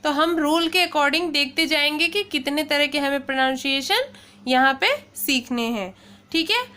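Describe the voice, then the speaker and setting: In a lesson aimed at kids, a woman with a high, bright, forceful voice works through pronunciation, spelling out words one letter at a time. She takes a slow, careful approach and frequently checks in with "okay".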